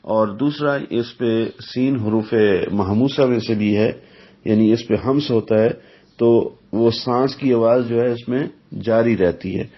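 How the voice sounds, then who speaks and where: A man teaching the rules of Quran recitation, explaining slowly and methodically and pausing to recite example verses. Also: medium pitch. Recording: dull lo-fi recording.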